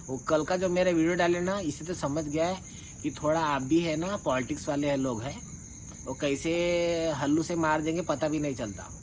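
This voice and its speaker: The clip features a man with a fairly high voice, talking at normal speed in an informal rebuttal monologue. His tone is accusatory and confrontational, like someone with a grievance. It's a low-quality recording with clear insect-like chirping in the background.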